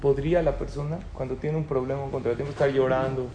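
Speaking quickly at a medium pitch with little pitch movement, a rabbi lecturer tells stories and questions his audience during a religious talk. The recording is from an echoey room with faint ambience, and a loud crowd is audible.

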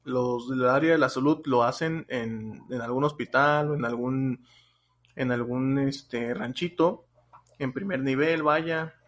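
A man's voice: medium pitch, steady tone, measured pace, fairly bright tone. A young adult man with a Mexican accent hosting a podcast in a casual, chatty style. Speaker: podcast host.

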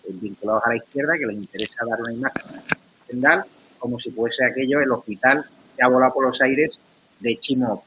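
A male talk show host with a Spanish accent from Spain leads a political panel. His voice is bright and forceful. He talks briskly and indignantly as he turns from one guest to the next. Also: on the low side, slight background noise, rough recording.

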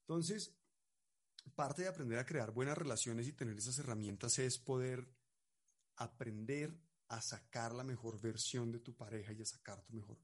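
A young Colombian man, a relationship coach, telling a story in casual chat and acting out the voices of the people in it. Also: mid-range voice. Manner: animated, acts out quoted voices.

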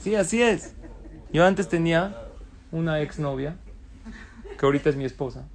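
A man's voice: a little high, moderate pace. A man teaching a Torah class, asking his listeners rhetorical questions and slipping in jokes. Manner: rhetorical questions to the audience, joking asides. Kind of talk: religious class talk.

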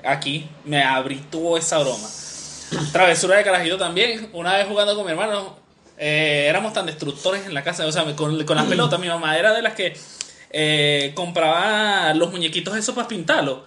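A man's voice: on the high side, brisk, pushed and bright. A young man, co-hosting a podcast and telling rambling childhood stories in casual chat. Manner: rambling, many fillers and restarts. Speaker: podcast co-host.

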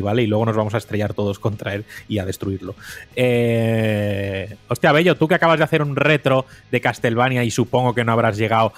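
A man with an accent from Spain hosts a casual gaming chat, throwing playful jokes at his co-hosts. His voice sits at a middle pitch, with faint music in the background. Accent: Spanish from Spain. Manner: playful, joking banter. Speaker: podcast host.

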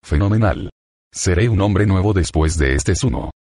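A man's voice: low-pitched, animated, normal speed, a little mellow, breathy edge, dry recording, studio quality, exaggerated voice. A man reading as a cocky young pick-up artist.

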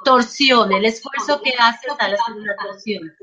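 A woman's voice: on the high side, unhurried, pushed and bright, breathy edge. A woman helping a lecturer by supplying words and short corrections, a little away from the microphone.

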